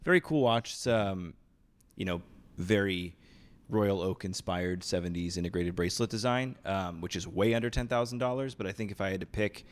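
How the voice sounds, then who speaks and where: A man's voice: low-pitched, moderate pace. Hesitant man chatting on a podcast. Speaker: podcast panelist. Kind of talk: panel podcast chat.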